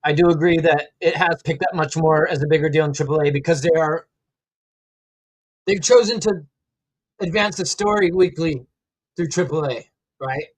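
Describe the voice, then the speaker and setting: A man with a slightly high voice hosts a casual live stream. He talks conversationally and gives his opinions freely, answering viewers as he goes. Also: normal speed, pauses often, rough recording. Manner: opinionated, conversational, reads out and answers chat comments. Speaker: livestream host reacting to wrestling.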